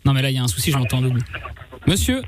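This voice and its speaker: A man's voice: medium pitch, big pitch swings, racing, noisy background. A man making a prank phone call, politely chatting while over and over slipping in the same rude phrase. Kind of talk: playful prank phone call during a game.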